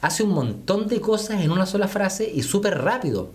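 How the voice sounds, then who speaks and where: A man's voice: high-pitched, sing-song, moderate pace, darkish tone. A male vocal coach explaining singing technique, speaking to viewers as friends and breaking into short sung demonstrations.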